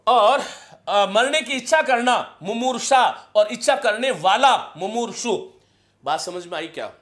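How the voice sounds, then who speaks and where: A man's voice: high voice, a bit bright. A man teaching Hindi grammar in an online class, repeating key phrases several times and quizzing his students. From India. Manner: chants verse for students to repeat.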